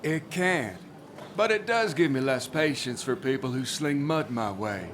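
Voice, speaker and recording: A man's voice: mid-range voice, animated, a little slow, noisy background. A man voicing a sarcastic, needling IT worker in a video game.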